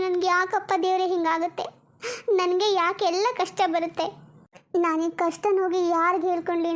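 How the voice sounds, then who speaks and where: An actress playing a heartbroken young wife who pleads tearfully and blames herself. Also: female voice, very high-pitched. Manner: tearful, self-reproaching pleading. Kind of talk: film melodrama acting.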